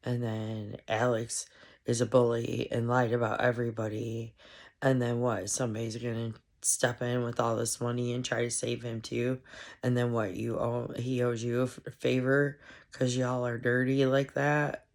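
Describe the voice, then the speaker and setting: A woman with a stuffed-up, congested voice, rambling through a casual solo commentary with halting, meandering speech and many fillers. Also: a bass voice, little pitch movement, darkish tone.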